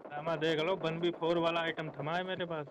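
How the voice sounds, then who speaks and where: A man's voice: fairly high pitch, little pitch movement, fairly quick, background noise. A man in live voice chat during an online shooter match, pleading and repeating himself in a panic. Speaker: online game player. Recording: game gunfire behind.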